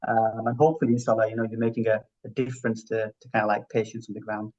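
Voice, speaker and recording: A man's voice: lowish voice, fairly even intonation, fast talker, a little mellow, highs cut off. A middle-aged man with a broad Yorkshire accent, giving reflective, conversational interview answers and often checking for agreement. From Yorkshire, England. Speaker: interview guest, healthcare finance professional.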